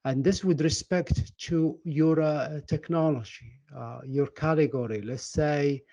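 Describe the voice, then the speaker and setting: A middle-aged man from Morocco with a Moroccan accent, giving a webinar talk as a project management coach in an earnest, halting way full of fillers and restarts. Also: fairly high pitch, vocal fry, warm tone, no room sound, muffled recording. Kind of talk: webinar presentation.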